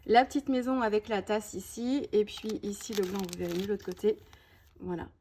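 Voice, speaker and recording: A woman's voice: mid-range voice, steady tone, moderate pace, dark tone, slight background noise. A woman presenting a scrapbooking collection in a casual show-and-tell, chatty and full of small "hop" and "voilà" asides. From France. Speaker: scrapbooking video host.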